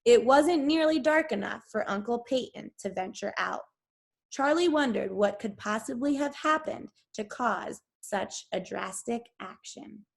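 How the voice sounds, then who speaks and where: Teacher, a bit raspy and higher-pitched, read-aloud storytime. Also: female voice, expressive, measured pace.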